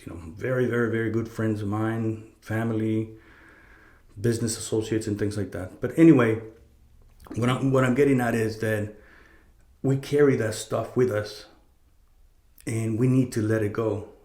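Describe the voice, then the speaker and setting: A man's voice: fairly low pitch, fairly even intonation, normal speed, pauses often, darkish tone. A middle-aged man telling a personal story in a casual, rambling way, with frequent swearing, fillers and restarts. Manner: conversational, profane, many fillers and restarts. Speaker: podcast host. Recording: roomy echo.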